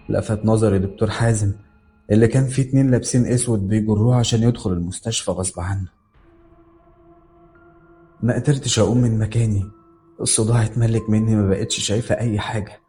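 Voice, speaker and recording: A man's voice: fairly low pitch, dark tone. A man with an Egyptian accent giving a dramatic, tense scripted narration of a horror story. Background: faint background music.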